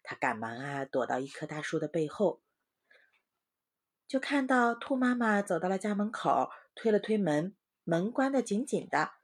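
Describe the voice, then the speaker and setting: A woman in her thirties telling a children's bedtime story in a gentle, expressive, singsong way. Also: mid-range voice, normal speed, slightly rough.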